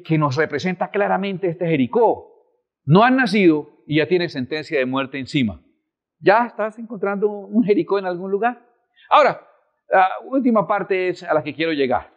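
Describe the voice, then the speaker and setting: Man preaching with lively rhetorical questions. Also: sits high, muffled recording. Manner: rhetorical questions to the audience, lively swings in emphasis. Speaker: pastor. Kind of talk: sermon.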